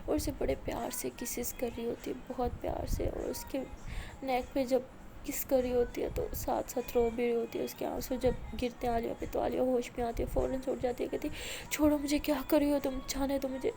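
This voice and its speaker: A woman's voice: on the high side, little pitch movement, gravelly, warm tone, slight background noise. A woman narrating a romance story in a casual spoken way, flowing along with small fillers. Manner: plain, flowing retelling with hesitant fillers.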